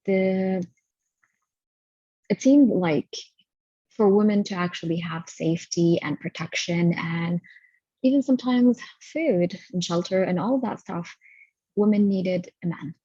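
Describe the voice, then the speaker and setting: A woman hosting a guided healing session over a video call, talking haltingly and stopping to gather her thoughts. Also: lowish voice, mellow, breathy edge, no room sound. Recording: dull lo-fi audio.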